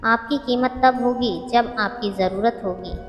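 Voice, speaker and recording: A woman reading short motivational sayings as scripted narration, in a measured, reflective way. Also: on the high side. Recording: long reverb with background music.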